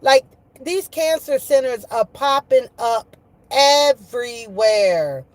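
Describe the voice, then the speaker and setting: A woman with a fairly high voice and a dry, close sound talks casually to her livestream viewers. She is gossipy and slangy, swears freely and circles back to repeat phrases for emphasis. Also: animated, slow, dry recording, low-quality recording. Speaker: online streamer talking with live chat viewers.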